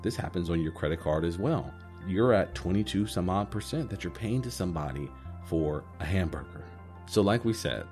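A man's voice: low-pitched, darkish tone. A man hosting a podcast as a financial advisor, explaining things directly to the listener in semi-scripted talk.

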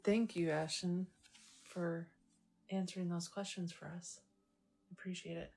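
Low-voiced woman podcast host. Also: fairly even intonation, a little slow. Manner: gentle and laughing. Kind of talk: casual interview.

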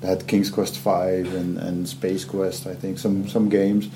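A man's voice: low-pitched, level tone, measured pace, noisy background. A man hosting an interview, asking curious, easygoing questions. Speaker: interview host. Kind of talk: casual interview chat.

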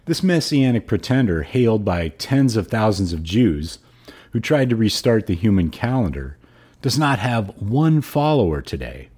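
A man hosting a podcast and reading aloud in a hoarse, froggy voice. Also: fairly low pitch, big pitch swings, moderate pace, darkish tone. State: hoarse throat. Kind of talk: audiobook-style reading and podcast sign-off.

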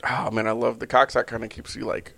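A young man hosting a casual, crude podcast, joking loudly and excitably. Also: medium pitch, fast, creaky, dry recording. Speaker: podcast host.

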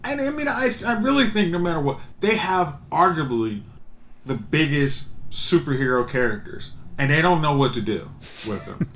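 A man's voice: a little high, lively intonation, normal speed, a bit bright, a little hiss or hum. Rambling man in casual chat. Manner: rambling, opinionated, thinks aloud. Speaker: podcast co-host. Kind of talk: casual chat about superhero movies.

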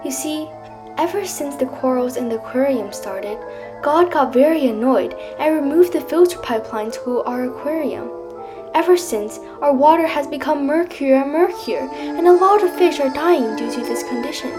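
A woman's voice: high-pitched, expressive, moderate pace, over music. A woman voicing a chatty young clownfish who grumbles about murky water, in a children's audio story. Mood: grumbling. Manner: complaining. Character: young clownfish, glum and gabby.

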